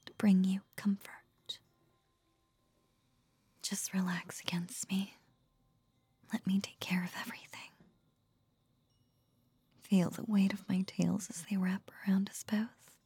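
An ancient nine-tailed fox goddess, whispered by a woman, possessive and teasing. Her breathy, husky whisper is slow and gently gravelly, mellow in tone, and close and dry against the mic. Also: fairly low pitch, dry recording, full character voice. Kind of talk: whispered ASMR roleplay.

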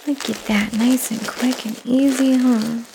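A woman in an ASMR caretaker roleplay, speaking softly and soothingly, often in a whisper, close to the microphone. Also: a little high, fairly even intonation, slow pace, gravelly, background noise.

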